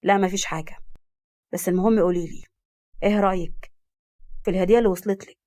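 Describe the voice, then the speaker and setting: A woman's voice: mid-range voice, steady tone, fast talker, darkish tone, lightly acted. Woman doing a cocky young Egyptian man. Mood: teasing. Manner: teasing, dramatic complaining.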